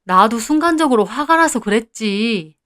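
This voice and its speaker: A woman's voice: fairly high pitch, lively intonation, moderate pace, a bit bright. A woman voicing a jealous, moody young boyfriend in a storybook-style drama, talking curtly and sulkily. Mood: wheedling. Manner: curt, sulky, then wheedling.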